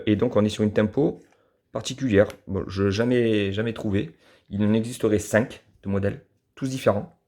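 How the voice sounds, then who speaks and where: With a fairly low, creaky, darkish voice and a southern French accent, a man from southern France casually reviews his die-cast model cars. He hesitates a lot, using many fillers and restarting sentences, and speaks of the models fondly and admiringly.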